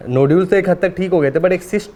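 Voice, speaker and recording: Soft-spoken man telling his story. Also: high voice, fast. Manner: relaxed storytelling, often ending with a tag question. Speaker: guest singer-songwriter. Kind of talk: casual interview chat.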